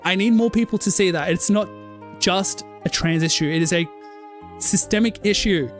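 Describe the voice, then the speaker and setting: With faint music playing behind her, a woman streaming games goes on an impassioned, casual rant. She says "like" constantly and keeps interrupting herself to restart, speaking at a moderate pace in a fairly low voice.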